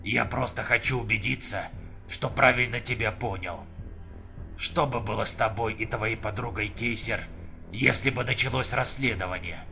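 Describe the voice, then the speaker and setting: Brief: man doing a firm, matter-of-fact Neanderthal, gravelly, bright-edged, audiobook. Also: mid-range voice, normal speed, faint music behind. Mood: gentle. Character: calm, blunt Neanderthal man, unwavering. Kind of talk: audiobook reading.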